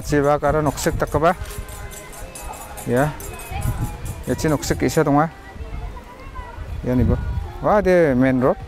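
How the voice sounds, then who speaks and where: Garo-accented man, a bit high-pitched, rambling casual vlog narration, outdoors on a phone, music bed. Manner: rambling, repetitive, addresses viewers directly. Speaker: vlogger. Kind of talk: casual walking tour narration. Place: outdoors by a village pond.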